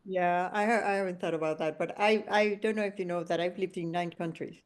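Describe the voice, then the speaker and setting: A woman's voice: fairly low pitch, fairly even intonation, a little fast. Host: middle-aged woman from Venezuela, reflective storyteller, restarts often, conversational podcast tone. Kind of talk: conversational interview.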